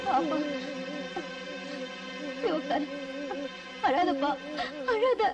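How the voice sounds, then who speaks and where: A woman's voice: high voice, animated, drawn-out words, recorded from a distance, over loud music, heavily acted. An actress playing a poor, loving mother who speaks tenderly and pleads through tears.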